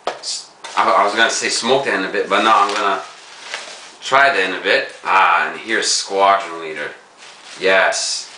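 A young man films a casual, crude unboxing vlog at home, and he gets excited and swears freely. His voice is very bright and sharp. It comes from a little off the mic in an echoey room. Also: deep voice, normal speed, far from the mic, slight background noise. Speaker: pipe-smoking video blogger.

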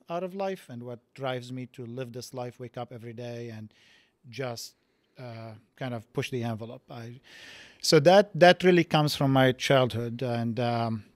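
A man in his forties from Lebanon, a podcast guest speaking reflectively and haltingly, with many restarts, in a studio interview. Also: mid-range voice, no room sound. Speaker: podcast guest, physics professor. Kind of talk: casual interview talk. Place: studio set with dark curtains. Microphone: boom mic on stand.

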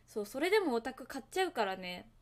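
A woman hosts a casual livestream, talking straight to her viewers. Her voice sits a little high, and she drifts loosely from one topic to the next. She often laughs at herself as she goes. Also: sing-song, fast. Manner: rambling, chatty, talks to viewers and laughs at herself; hums and sings along to songs between topics. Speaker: livestream host.

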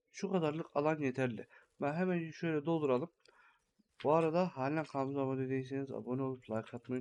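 A man's voice: mid-range voice, darkish tone. Rambling young man narrating his gameplay. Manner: rambling, thinks aloud while building. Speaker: gaming channel host. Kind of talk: casual game commentary.

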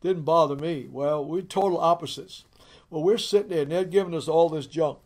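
A middle-aged man, a bishop, telling his testimony in an animated, boisterous storytelling manner. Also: a little high, normal speed.

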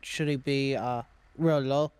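A man's voice: mid-range voice, steady tone, a little slow, darkish tone, clear, resonant tone, no echo. A man chatting casually as a responder in an improvised rescue role-play.

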